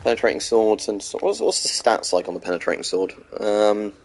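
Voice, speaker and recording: A streamer with a fairly low, sing-song voice talks briskly while playing a video game for viewers. Between gameplay comments he rambles through chat questions, often hesitating, saying um and restarting. His voice carries signs of a slight sore throat and a stuffy nose.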